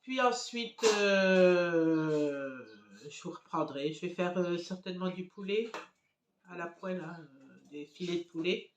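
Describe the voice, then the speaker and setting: Speaking in a fairly low, measured voice, this middle-aged family vlogger rambles to the phone camera she holds, filling her casual chat with hesitant fillers. The echoey room at home has a noisy background.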